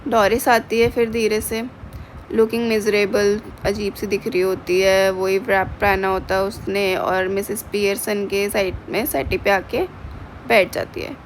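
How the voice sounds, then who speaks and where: A woman's voice: medium pitch, flat delivery, measured pace, slight background noise, rough recording. A woman teacher explaining a play to students, reading English lines and explaining them in Hindi.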